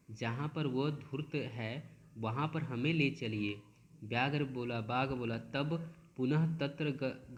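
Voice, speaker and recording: A man teaches a school lesson, reading lines slowly and carefully before explaining them in a plain, mid-pitched voice. He often stops and starts over mid-phrase. A faint hiss of noise sits behind him. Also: highs cut off. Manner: reads verses slowly, then explains with frequent restarts.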